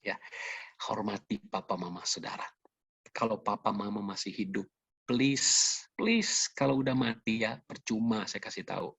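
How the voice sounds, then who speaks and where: A man's voice: on the low side, normal speed, gravelly, fairly bright tone, slightly rough, no room sound. A middle-aged male pastor from Indonesia preaching a sermon over a video call, earnest and conversational, with frequent asides to the congregation. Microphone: computer or video call mic. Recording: dull lo-fi video call audio.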